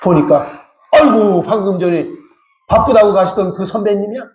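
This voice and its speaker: A man's voice: high-pitched, normal speed, darkish tone. A middle-aged male pastor preaching a sermon emphatically and often putting rhetorical questions to the congregation. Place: church sanctuary. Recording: echoey church hall.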